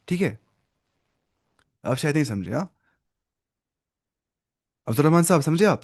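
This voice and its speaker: An Arabic teacher with a fairly high, animated voice that has a breathy edge leads an online language class. He explains each point step by step, mixes English words into his teaching, and often pauses to quiz students by name.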